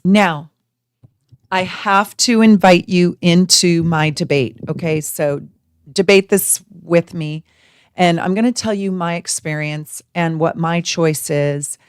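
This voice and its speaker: A woman astrology host teaching her viewers, talking them through ideas with drawn-out emphasis and rhetorical questions. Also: sits low, clear, resonant tone, no room sound, studio quality.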